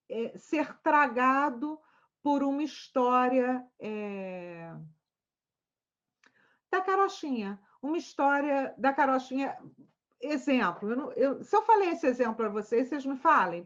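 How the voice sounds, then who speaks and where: A woman with a Rio de Janeiro accent gives a casual online lesson on schema therapy. Her voice sits a little high, and she tells stories with lively rhetorical questions. The sound is somewhat dull and lo-fi. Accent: Rio de Janeiro Portuguese.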